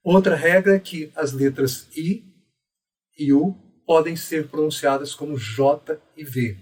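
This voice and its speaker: Husky Brazilian man, methodical teacher. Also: a little high, recorded from a distance. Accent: Brazilian Portuguese. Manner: methodical, explains step by step and pronounces examples slowly. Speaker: educator explaining Latin pronunciation. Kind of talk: didactic video lesson.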